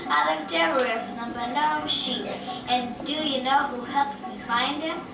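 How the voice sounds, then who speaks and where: A woman's voice: high voice, moderate pace, reverberant, far from the mic, noisy background. A woman playing a cheerful young shepherdess in a mock advertisement. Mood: chatty.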